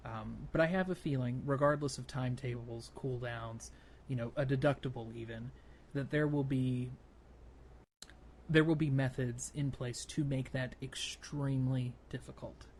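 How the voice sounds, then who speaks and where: A podcast co-host with a medium-pitched, steady voice talks through gaming topics casually at normal speed, explaining step by step and thinking aloud. Clear ambient noise is audible behind him.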